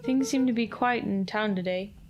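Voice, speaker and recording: A woman's voice: medium pitch, moderate pace, darkish tone, dull audio, soft background music, close to an everyday voice. A woman reading the lines of an earnest young boy hero in her own voice.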